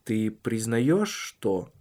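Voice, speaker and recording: A man voicing a calm, measured husband in an audiobook, speaking earnestly and carefully. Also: lowish voice, full character voice. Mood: earnest, probing.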